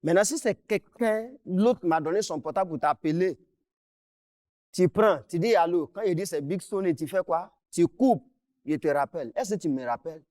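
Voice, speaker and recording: Angry high-voiced man pressing his case. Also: moderate pace, a little mellow, dry recording, studio quality. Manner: angry, insistent, repeats himself, interrupts. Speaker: client in a dispute. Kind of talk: heated confrontation on a mediation show.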